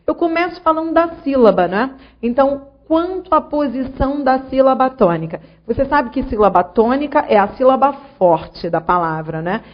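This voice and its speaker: With a high voice and lively intonation at normal speed, a teacher explains grammar rules in an online lesson, speaking directly to the student and checking in along the way. The recording sounds dull.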